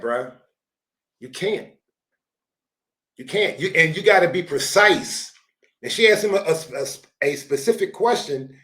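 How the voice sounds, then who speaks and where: A man gives animated, slangy reaction commentary, lecturing in loud bursts. His voice sits fairly high for a man. The recording has a roomy echo around it. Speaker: show host reacting to a dating clip.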